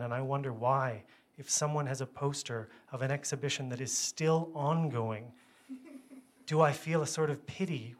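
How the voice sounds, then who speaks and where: A man with a mid-range voice reads a first-person literary story aloud, phrasing it in a measured way with a wry, self-deprecating manner.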